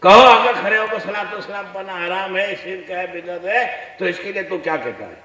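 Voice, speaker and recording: A man's voice: high-pitched, normal speed, sharp tone. A man giving a fiery, combative sermon, firing rhetorical questions at the crowd and building to impassioned declaiming. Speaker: Islamic preacher. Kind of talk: polemical sermon. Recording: echoey hall with long reverb.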